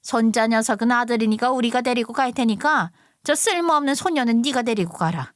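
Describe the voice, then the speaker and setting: A woman's voice: a little high, brisk, no room sound, studio quality, natural voice. A woman voicing a domineering older mother-in-law who talks in a bossy, scornful, scolding way.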